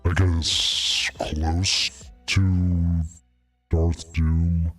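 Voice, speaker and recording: A man talking through a voice changer that morphs him into a slow, booming male robot villain on a podcast mic. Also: level tone, fairly bright tone, soft background music, exaggerated voice. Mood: menacing. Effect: voice changer morphing him into a deep robot voice.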